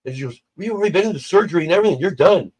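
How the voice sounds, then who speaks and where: A man's voice: high-pitched, expressive, rapid-fire, darkish tone, breathy edge, poor audio. A man telling a personal story in casual chat on a livestream, acting out the people he quotes. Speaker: livestream guest.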